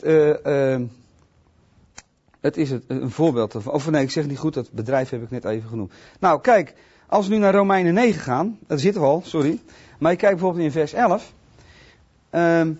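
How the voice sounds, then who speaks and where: A man giving an informal bible teaching in a conversational way, often checking in with his listeners and swinging between soft asides and loud, emphatic stresses. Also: fairly high pitch, husky. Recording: dull lo-fi recording.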